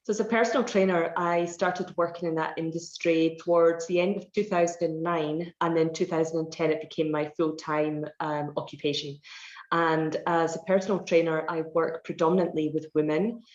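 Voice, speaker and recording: Speaking at a normal speed, this low-voiced woman sounds a little mellow and keeps her intonation fairly even. She's a personal fitness trainer from Scotland, in her forties, chatting as a guest and explaining things at length with plenty of fillers. It's casual interview talk over a roomy, dull online call.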